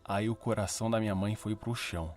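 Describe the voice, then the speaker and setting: A man's voice: fairly low pitch, fairly even intonation, brisk, a little mellow. A man with a Brazilian Portuguese accent, a podcast host giving a personal religious testimony in an earnest, reflective storytelling manner.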